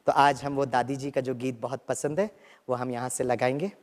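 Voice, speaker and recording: A man's voice: mid-range voice, fairly even intonation, moderate pace. A man from Kerala whose first language is Malayalam, leading an audience in a guided meditation talk. He mixes English phrases into his speech and keeps asking "right?". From Kerala, India. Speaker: spiritual teacher. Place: large lecture hall with an audience. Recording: long reverb in a hall.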